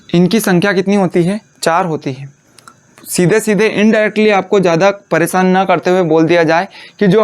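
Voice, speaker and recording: A man with a notably high-pitched voice gives a classroom-style lecture. He keeps posing questions and answering them himself, and he dictates definitions phrase by phrase, repeating each piece slowly so students can copy it into their notes. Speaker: Hindi teacher.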